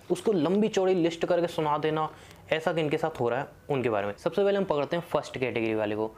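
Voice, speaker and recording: A man's voice: a little high, darkish tone. A young man hosting a casual advice talk, speaking conversationally and often checking in with "theek hai". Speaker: host.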